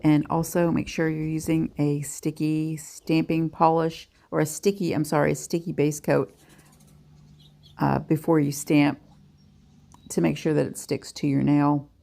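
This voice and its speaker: A woman's voice: low voice, little pitch movement, a little slow, gravelly, mellow. A woman giving a chatty, self-deprecating nail art tutorial in a casual voice-over.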